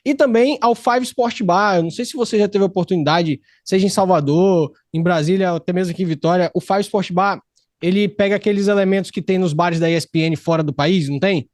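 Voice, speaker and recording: A man from Brazil, hosting a podcast studio interview in an excited, slangy, rambling way. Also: high-pitched, a little fast, dry recording. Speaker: podcast host. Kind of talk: casual interview chat.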